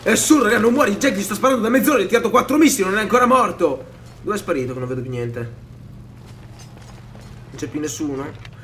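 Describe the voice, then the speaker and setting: A man giving excitable let's-play commentary, swearing a lot and yelling in panic at enemies while addressing viewers directly. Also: high voice, fast, pauses often, slight background noise. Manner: talks to viewers as "raga". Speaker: gameplay commentator.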